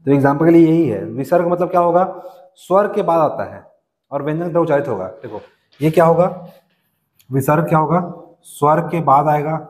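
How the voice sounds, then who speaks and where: In a coaching classroom, a male teacher with a Chhattisgarh Hindi accent lectures fairly quickly in a fairly high voice, posing questions to the class and answering them himself. His words trail off in a long reverb around the room.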